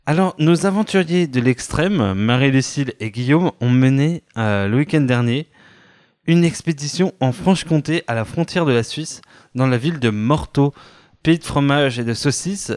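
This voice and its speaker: Man, mock-formal newsreader, deadpan, middle pitch, dry recording. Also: moderate pace, dry recording. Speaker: podcast host. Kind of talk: mock news comedy podcast.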